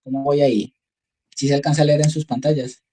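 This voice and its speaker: A man's voice: on the high side, level tone, brisk, dark tone, slight background noise. A man gives an online class as an instructor. He thinks aloud as he works and keeps checking in with his students through tag questions. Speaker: university instructor.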